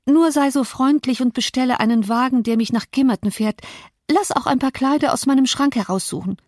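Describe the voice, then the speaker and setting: A woman's voice: brisk, a little mellow, no echo, clean studio sound. Woman voicing a breathless, bitter young woman. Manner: breathless, agitated, higher pitched.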